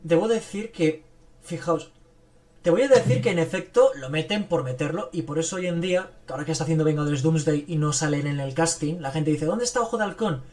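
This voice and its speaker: In a fairly high, animated voice with a darkish tone and a slightly fast delivery, a podcast host chats about movies. His casual review talk is excited and rambling, full of fillers.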